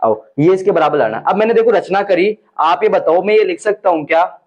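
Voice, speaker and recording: A man's voice: high-pitched, lively intonation, fairly quick, darkish tone. A man teaching a maths class, mixing the lesson with teasing jokes to his students. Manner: joking asides to students, teasing banter. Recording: dull lo-fi classroom recording.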